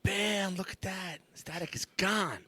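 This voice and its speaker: Loud joking New podcast host. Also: male voice, on the high side, fairly quick, no room sound. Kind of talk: casual live podcast chat. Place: office studio. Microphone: headphones and studio mic.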